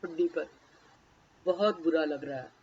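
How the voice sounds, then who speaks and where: A woman's voice: deep voice, normal speed, a little mellow, breathy edge, muffled recording. A woman leading a guided tapping session, naming each body point and then speaking a short first-person phrase for the listener to repeat.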